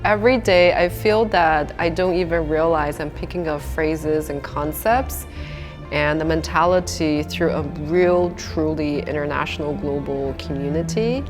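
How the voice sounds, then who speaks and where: A woman's voice: low-pitched, steady tone, measured pace. A middle-aged woman, a university staff member, talking casually in an interview. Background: music.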